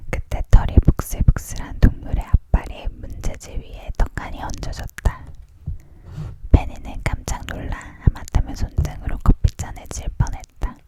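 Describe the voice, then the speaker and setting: A person reads a story in a breathy, unvoiced whisper, as if leaning in close, in the style of an ASMR audiobook. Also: normal speed. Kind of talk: whispered ASMR book reading, scripted narration.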